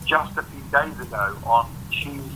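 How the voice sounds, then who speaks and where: A man's voice: medium pitch, normal speed, sharp tone, a little hiss or hum, rough recording. A man giving conversational football analysis as a podcast pundit.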